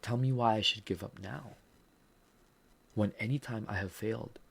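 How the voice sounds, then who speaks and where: A podcast host with a Filipino accent reflects on a personal setback, speaking earnestly and candidly while joking at his own expense. His voice is on the low side, gravelly and slightly rough, at a moderate pace.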